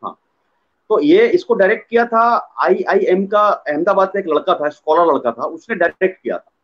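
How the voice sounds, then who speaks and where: A man, an actor, telling animated stories in a casual interview and slipping into imitations of others. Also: sits high, moderate pace, highs cut off. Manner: lively, slips into imitating others.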